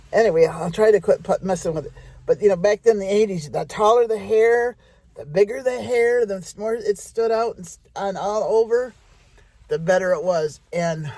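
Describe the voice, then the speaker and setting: A woman's voice: fairly low pitch, dark tone, no echo. Middle-aged woman rambling thru a childhood story, chatty, dry close sound. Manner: chatty, rambling, talks to the audience. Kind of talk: casual personal storytelling.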